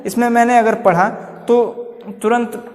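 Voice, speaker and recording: A man's voice: very high-pitched, fairly even intonation, normal speed, a little mellow, in a large hall. A man with an Uttar Pradesh Hindi accent teaches a physics lesson at a board, repeating key terms and checking in with students. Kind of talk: blackboard lecture.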